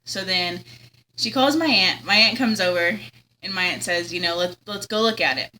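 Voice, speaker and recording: A woman's voice: mid-range voice, normal speed, bright, forceful tone, low-quality recording. A young woman, casually telling a spooky story on the radio, chatty and giggly, acting out the voices she quotes. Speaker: caller telling a ghost story.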